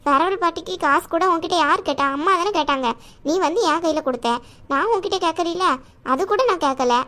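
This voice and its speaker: A woman's voice: very high voice, fairly quick, fairly bright tone. A woman voicing a defensive younger sister in a cartoon, protesting and pleading. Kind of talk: animated cartoon voice acting.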